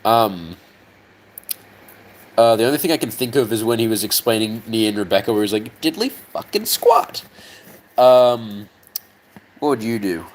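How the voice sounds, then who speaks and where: This low-quality recording, with slight background noise, captures a young Australian man with a lowish voice working on a model. His rambling chat is full of swearing, ums and trailing off as he tries to recall things.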